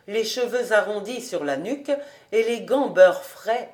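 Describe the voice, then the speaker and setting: Slow, measured French woman reading aloud. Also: medium pitch, darkish tone. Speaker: audiobook reader. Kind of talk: audiobook narration of a classic novel.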